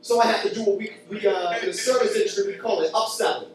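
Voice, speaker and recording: A man's voice: high-pitched, steady tone, fast talker, crowd noise. A young man doing a stand-up comedy set in a club, telling crude, sarcastic stories. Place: club with audience. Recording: echoey room from far off.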